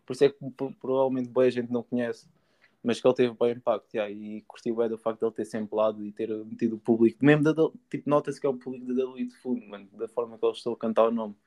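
A man's voice: mid-range voice, fairly even intonation, racing, darkish tone. A young man chatting casually in an enthusiastic, slangy way. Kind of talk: casual chat.

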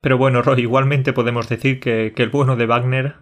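A man's voice: medium pitch, little pitch movement, brisk. Playful Andalusian man in casual chat. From Andalusia, Spain. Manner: friendly, joking, playful. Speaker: podcast co-host. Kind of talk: casual conversation.

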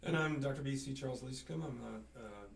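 A man originally from Chile, a professor speaking as an interview guest, hesitant and filling his pauses with ums and uhs. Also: mid-range voice, gravelly, crowd noise. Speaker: professor of athletic training. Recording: echoey room from a distance.

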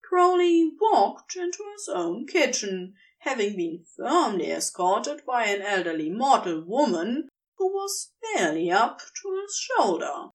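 A woman reading a fanfiction audiobook with wry, unhurried storytelling. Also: a little high, big pitch swings, far from the mic. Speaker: podfic reader.

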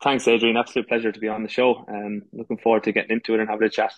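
A man's voice: fairly low pitch, little pitch movement, very fast, no echo, lo-fi sound. Irish man in his thirties, dry close sound. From Galway, west of Ireland. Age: 30s. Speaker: podcast guest, amateur goalkeeper. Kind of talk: casual interview chat.

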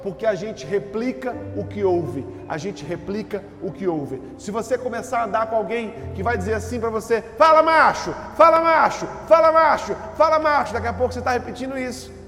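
A man preaching a sermon as pastor, swinging between low, steady talk and loud shouted surges, with repeated phrases. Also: brisk, few pauses, reverberant, big-room sound. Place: church.

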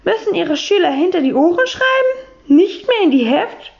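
A woman's voice: very high voice, big pitch swings, moderate pace, voice pushed up, exaggerated voice. A woman voicing a prim, eccentric English lady who speaks German with an English accent and broken word order. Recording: dull lo-fi recording.

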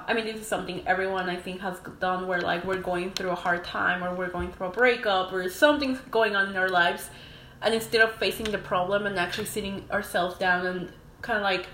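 A young woman from Mexico speaks as a podcast guest in an easy, reflective way, often pausing on ums. Her voice sits at a middle pitch. The room gives it a noticeable echo with faint noise underneath. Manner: relaxed, frequent ums, thoughtful. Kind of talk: casual interview chat.

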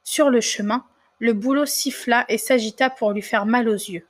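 A woman with a fairly high voice reading a fairy tale aloud. Her storytelling is measured and expressive.

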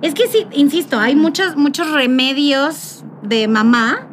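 A woman's voice: high-pitched, a little slow, slight background noise. A woman with a Mexican accent co-hosting a podcast in casual chat, laughing often and acting out what others say. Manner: laughing, animated, acts out voices. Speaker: podcast co-host.

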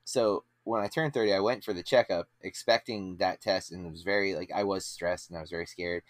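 A man's voice: deep voice, fairly even intonation, a little fast, no room sound. A man in his late thirties hosting a movie podcast, talking in a casual, rambling way with many fillers and restarts. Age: 30s. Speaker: podcast host. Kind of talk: casual chat.

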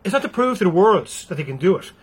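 A man's voice: high voice, very animated, fast talker, husky. A man with an Irish accent giving a blunt, freely swearing motivational talk to his viewers. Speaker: motivational speaker.

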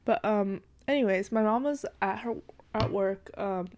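Speaking unhurriedly in a medium-pitched, slightly mellow voice, the young adult host of a podcast rambles about her life with lots of "like" and "literally," breaking into giggles now and then. She's from Washington state, a little congested from allergies, and recording in her dark bedroom at night.

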